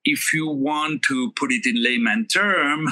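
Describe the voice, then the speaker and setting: Bright-voiced middle-aged man, measured explanations. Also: fairly high pitch, low-quality recording. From Belgium. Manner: measured, explanatory, pauses mid-sentence. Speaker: guest, investment firm founder. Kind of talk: conversational interview answers.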